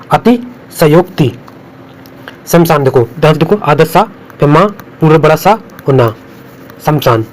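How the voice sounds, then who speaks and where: A man with a fairly high-pitched voice walks through spellings word by word for exam students. He repeats each word, points at the page and warns again and again which form would be wrong. His delivery is plain and practical, like a coaching tutor working through notes. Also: darkish tone, low-quality recording. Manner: repetitive, drills words and warns of exam traps. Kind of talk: spelling lesson over on-screen notes.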